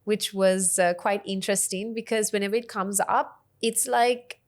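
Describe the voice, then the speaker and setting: A woman's voice: medium pitch, steady tone, moderate pace. A young woman from Sri Lanka with a Sri Lankan accent, chatting as a podcast guest with frequent fillers and laughs. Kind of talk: casual podcast interview.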